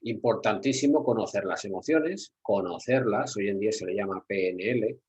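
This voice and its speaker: Spanish guy teaching security guards, kinda low husky voice, asks himself questions and answers them. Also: moderate pace, a little mellow, rough recording. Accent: Spanish from Spain. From Spain. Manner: didactic, repeats key words, asks rhetorical questions. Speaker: security trainer. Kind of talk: workshop lecture.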